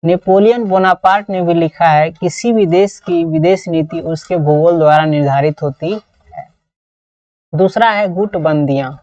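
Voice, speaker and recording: Far from the mic, a woman with a fairly low, darkish voice speaks unhurriedly. She is a political science teacher with a Bihari accent, reading out model answers in an exam-prep class in a didactic manner and repeating phrases. The recording has a roomy echo and a dull lo-fi quality.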